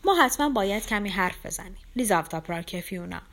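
A frail young man in a storybook reading, speaking low and hushed in a rough, near-whisper, as a woman reader plays him. He talks slowly and wearily. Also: animated. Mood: weary. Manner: quiet and slow. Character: gravely ill young man, weak, hoarse and ironic. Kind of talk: audiobook character reading.

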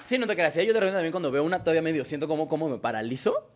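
Co-host, Mexican man, rapid-fire, slangy storyteller. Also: on the high side, big pitch swings. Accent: Mexican Spanish. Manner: fast slangy storytelling with swearing. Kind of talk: casual chat.

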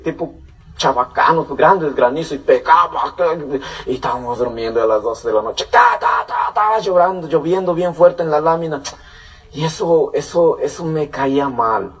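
A man's voice: a little high, moderate pace, a bit bright, slightly rough, far from the mic. A man from Puebla with a Mexican accent, telling his life story in a rambling, casual way full of fillers and restarts. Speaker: guest telling his testimony.

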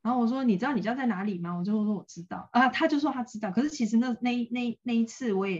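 Taiwanese woman, podcast co-host, casual storyteller who acts out dialogue, mid pitch, a bit lo-fi. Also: fast. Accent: Taiwanese Mandarin. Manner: long animated anecdotes, acts out quoted lines.

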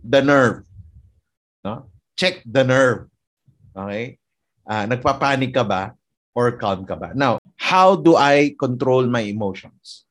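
A man's voice: mid-range voice, animated, slow pace, pauses often. A man with a Filipino accent preaching a motivational sermon, repeating phrases and asking rhetorical questions. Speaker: pastor.

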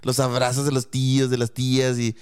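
A man's voice: mid-range voice, completely flat delivery, normal speed, smooth. A man with a Mexican accent hosting a casual podcast chat, full of crude slang and laughter. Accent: Mexican Spanish. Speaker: podcast host.

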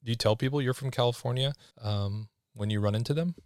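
A podcast host from the United States, a man in his forties, chats casually and animatedly, acting out what other people say in lively voices. His voice is medium-pitched and his pace quick. The recording is dry with clean studio sound.

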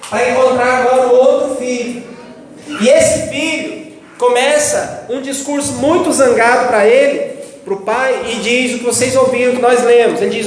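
A man with a Brazilian Portuguese accent preaching a sermon in a large church, telling the story with lively acted-out dialogue. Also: very high voice, a little hiss or hum. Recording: echoey church hall from off-mic.

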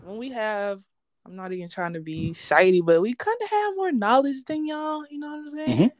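A woman's voice: fairly high pitch, moderate pace, no echo. A young woman, talking candidly and animatedly about her sports podcast in a casual interview. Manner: candid, slangy, animated storytelling.

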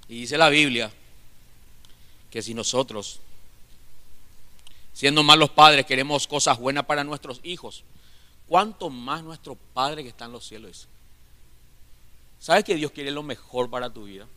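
A man's voice: mid-range voice, a little slow, long pauses, pushed and bright. A man preaching as a pastor, fervently calling his listeners brothers and pressing them with rhetorical questions during a church sermon. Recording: long reverb of a large church hall.

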